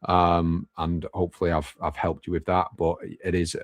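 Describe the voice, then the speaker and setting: A man with a very low voice co-hosts a live business Q&A. He talks casually and bluntly, throws in a swear word now and then, and sounds dry and close to the mic. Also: little pitch movement, normal speed, dry recording. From United Kingdom. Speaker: podcast co-host.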